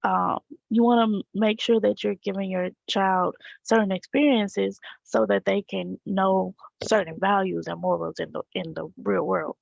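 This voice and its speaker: A woman's voice: medium pitch, steady tone, normal speed, creaky, no room sound, muffled recording. A woman teacher, talking casually to parents and checking in with a rhetorical "right?". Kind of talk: casual direct talk to parents.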